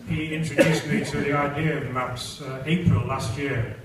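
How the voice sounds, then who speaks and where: A retired older man from Britain giving a measured testimonial speech at an event, with dry, wry asides. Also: mid-range voice, fairly even intonation, a loud crowd. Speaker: event speaker. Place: large event hall. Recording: echoey hall, distant mic, noisy.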